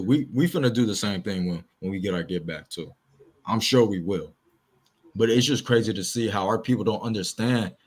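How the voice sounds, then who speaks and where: Husky, slangy Bible class teacher. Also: male voice, mid-range voice. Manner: informal, slangy, repeats words while thinking. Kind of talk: casual Bible study teaching.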